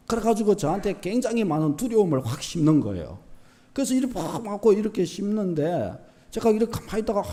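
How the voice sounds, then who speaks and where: Male pastor, high lively voice, dramatic sermon delivery swinging from quiet to loud. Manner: animated, shifts from soft to loud, acts out short dialogues. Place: church sanctuary.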